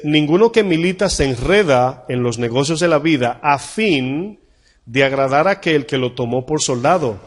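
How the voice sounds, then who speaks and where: A male pastor preaching a sermon, reading Bible verses slowly and emphatically, asking the congregation questions and acting out short dialogues. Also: on the high side. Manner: acts out little dialogues in changed voices.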